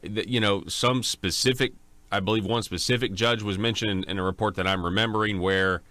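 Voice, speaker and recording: Man, interview host, lowish pitch, bright punchy tone, dry studio-close sound, halting rephrased questions. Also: fairly even intonation, no echo. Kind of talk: conversational political interview.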